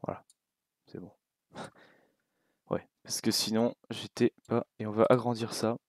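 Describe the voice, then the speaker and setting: A young man with a French accent giving a relaxed, casual coding tutorial at his computer, thinking aloud with many fillers and asides. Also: fairly low pitch, measured pace, dry recording, studio quality. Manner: relaxed, talks while clicking, many fillers and little asides. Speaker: game development tutor.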